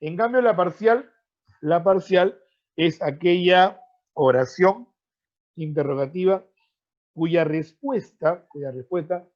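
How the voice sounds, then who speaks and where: A man's voice: sits high, slow, long pauses. A man with a Peruvian Spanish accent teaching an online pre-university grammar class, explaining with frequent tag questions and repetitions and fondly addressing his students as freshmen. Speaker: language teacher. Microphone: video call. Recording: dull lo-fi online-class audio.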